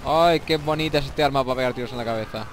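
A young man with a Spain Spanish accent giving excitable, swear-filled commentary over a shooter game and taunting the enemies. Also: mid-range voice, fast, slight background noise. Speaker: gameplay commentator. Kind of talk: let's play commentary. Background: faint game music and gunfire.

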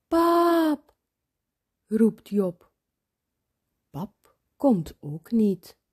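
A woman reads a children's story aloud at a very slow, careful pace. Her voice is breathy and husky, and it rises and falls a lot, sometimes sinking to a whisper. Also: medium pitch. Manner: very slow, expressive, drops to whispers.

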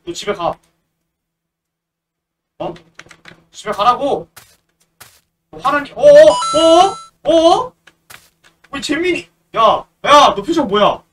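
A man's voice: extremely high pitch, lively intonation, normal speed, pauses often. A man streaming a horror game, chatting casually, teasing the characters and yelping at every scare. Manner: jumpy, yelps and shouts at scares, teasing banter. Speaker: gaming streamer. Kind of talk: horror game let's play commentary. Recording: distant mic with clear background noise.

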